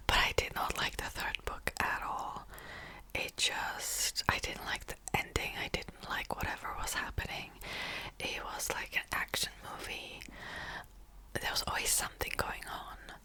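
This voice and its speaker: In slow, breathy, unvoiced whispers, a native Czech-speaking ASMR creator from the Czech Republic rambles through the end of a reading, with small laughs here and there. The audio is poor.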